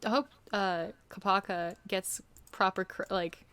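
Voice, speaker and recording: A woman's voice: medium pitch, steady tone, unhurried, fairly bright tone, clean tone, no echo. A woman co-hosting a casual podcast, chiming in with short giggly remarks. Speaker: podcast co-host. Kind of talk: casual chat.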